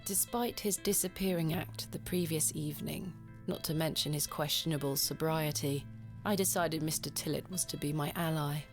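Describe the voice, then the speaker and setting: A woman's voice: low voice, fairly even intonation, normal speed, soft background music. An actress playing a composed, determined lady antiquarian with formal, wry delivery in an adventure game. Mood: composed, resolute. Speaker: video game protagonist. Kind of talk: adventure game voice acting and narration.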